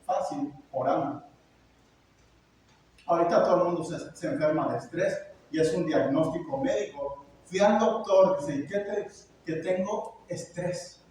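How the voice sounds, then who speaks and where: Casting: middle-aged preacher, high-ish voice, chatty and joking, heard from far in a roomy church. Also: male voice, moderate pace, a little mellow, a little hiss or hum. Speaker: pastor. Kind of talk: sermon. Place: church hall. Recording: echoey church hall, mic far off.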